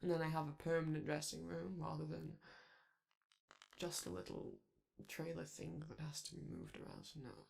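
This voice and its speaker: With big pitch swings at a normal speed, a creaky and slightly mellow medium-pitched voice brings to life a flamboyant male robot TV star. Vain and charming, he flirts with the listener theatrically and fondly in this romantic audio roleplay.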